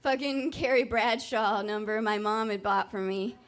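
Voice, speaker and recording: A woman's voice: mid-range voice, fairly even intonation, moderate pace, a bit bright. Wry young woman telling a live story. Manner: candid, wry and self-mocking. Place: stage at a live story event.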